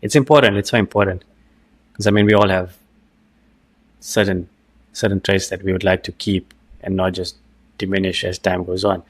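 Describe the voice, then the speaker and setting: Man, South African accent, lowish pitch, fairly level intonation, casual podcast host conversation. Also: flat delivery, moderate pace, long pauses.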